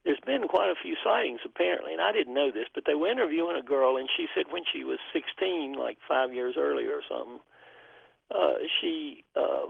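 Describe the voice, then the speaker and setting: A man from North Carolina with a Southern Appalachian twang and a gravelly, husky voice, calling in and casually telling stories over a phone line. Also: on the high side, expressive, brisk, no echo. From North Carolina, United States. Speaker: phone-in caller. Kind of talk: casual storytelling.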